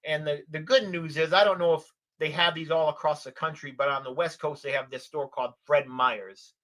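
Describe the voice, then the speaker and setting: A middle-aged man with a slightly higher-than-average voice, telling a story in a loose, animated way. He is a guest on a livestream chat, and he slips into the voices of the people he describes. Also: fairly quick. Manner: animated, acts out the voices of people in his stories. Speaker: podcast guest.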